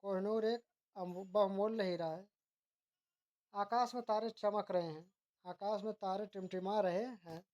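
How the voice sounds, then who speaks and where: Reading pairs of incorrect and corrected grammar sentences, a woman teacher recites in a steady, measured way. Her voice is mid-range and the highs are cut off, and now and then she corrects herself mid-word.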